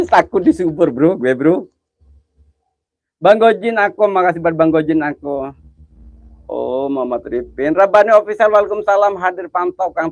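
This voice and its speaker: A man's voice: fairly high pitch, no echo. A man hosting a live ghost-hunting stream, chatting nervously with viewers and calling out their names. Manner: jumpy, chatty, greets viewers by name, nervous exclamations. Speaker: livestream host. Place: outdoors at night near an old well.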